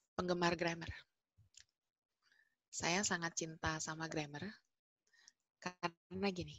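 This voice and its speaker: A woman English tutor answering webinar questions in a chatty, animated way, often correcting herself. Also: fairly low pitch, rough recording.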